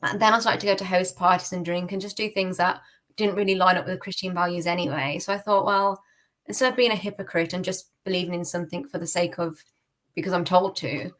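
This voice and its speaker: Her voice is lowish, steady, a bit bright and a little fast: a young British woman sharing her own story openly as an interview guest on a podcast, giving testimony. She's casual and reflective, leaning often on "like" and "you know".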